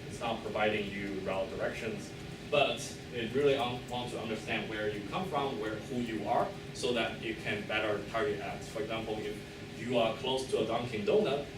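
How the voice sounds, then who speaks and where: A man with a slightly low voice delivers a thesis defense talk. He is halting and hedging, often pausing to fill gaps as he searches for the next phrase. The recording is roomy and echoing, with clear noise behind him. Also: fairly even intonation. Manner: hesitant, hedging, halting delivery with many filled pauses. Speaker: PhD candidate presenting a thesis defense. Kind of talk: academic presentation, loosely scripted. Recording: echoey room, distant mic, clear background noise.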